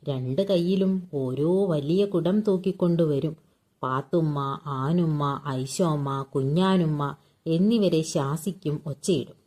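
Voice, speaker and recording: A woman reading a short story aloud in a calm, measured storytelling voice. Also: deep voice. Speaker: story reader.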